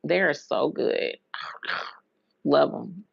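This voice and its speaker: Speaking extremely slowly in a deep, creaky, slightly rough voice, a hairstylist and livestream host from Huntsville, Alabama and Brooklyn, New York tells meandering personal stories in a casual, colloquial way. She repeats words for emphasis. The audio has no room sound and the highs are cut off.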